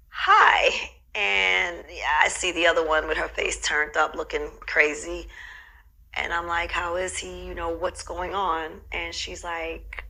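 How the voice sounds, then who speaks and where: Middle-aged woman, bright and edgy tone, storytelling guest with lots of fillers. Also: fairly low pitch, creaky, rough recording. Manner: reflective, heavy with "you know" fillers. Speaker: interview guest. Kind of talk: casual storytelling interview.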